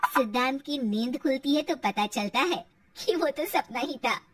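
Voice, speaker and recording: A woman calmly narrating an animated story in a measured, storytelling manner. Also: high-pitched, husky, no echo, recorded from a distance.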